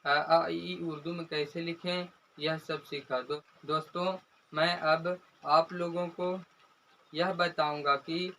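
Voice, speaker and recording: A man teaching a lesson in a slow, repetitive way, often calling the viewers his friends as he walks them through each letter. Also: fairly high pitch, little pitch movement, bright, forceful tone, a little hiss or hum, rough recording. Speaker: language teacher. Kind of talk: unscripted lesson walkthrough.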